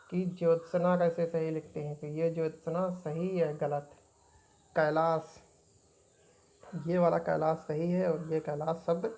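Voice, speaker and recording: A woman's voice: sits low, dark tone, rough recording. A woman teaching an exam-prep grammar lesson, going through words one by one and saying which spelling is right and which is wrong. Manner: methodical, repeating each word as right or wrong.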